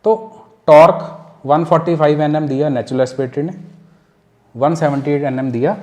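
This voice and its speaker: A man's voice: on the high side, normal speed, warm tone. A man in casual chat, earnestly explaining technical points step by step and repeating key figures, slipping English phrases into his talk. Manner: mixes English phrases into speech. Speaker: guest explaining car engines.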